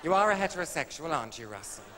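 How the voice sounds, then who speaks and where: A man, a cabaret comedian telling a comic story on stage with a dry, camp, deadpan delivery. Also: fairly high pitch, rapid-fire, a little hiss or hum. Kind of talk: stand-up storytelling. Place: live stage venue. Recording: live hall recording from a video.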